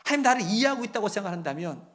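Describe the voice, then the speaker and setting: A man pastor delivering a sermon. He tells stories and asks the congregation direct questions, moving between quiet, hushed phrases and strong, emphatic ones. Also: sits high, very animated, rapid-fire.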